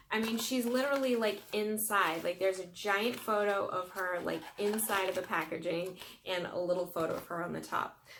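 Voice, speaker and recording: A young woman reviews makeup in an unhurried, casual vlog voice. She chats and muses to herself, with many fillers between her thoughts. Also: mid-range voice, fairly bright tone. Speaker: beauty vlogger.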